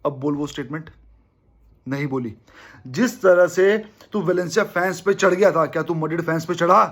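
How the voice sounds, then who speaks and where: Hosting a football fan channel, a young man from India shares his opinions in a forceful, casual monologue, calling his viewers brother over and over. He speaks at a normal pace in a fairly high voice.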